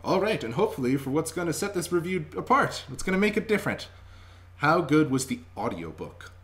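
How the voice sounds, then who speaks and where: A young adult man reviews audiobooks to a webcam held at arm's length in a small room at home, chatty, casual and enthusiastic. His voice is on the high side, very animated, brisk and a bit bright, and he speaks emphatically.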